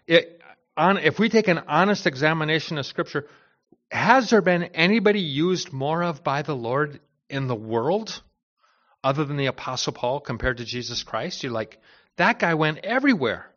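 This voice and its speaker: A man's voice: a little high, fairly bright tone. A man preaching a sermon to a church, earnest, asking rhetorical questions and often adding "right?". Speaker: pastor. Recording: dull lo-fi recording.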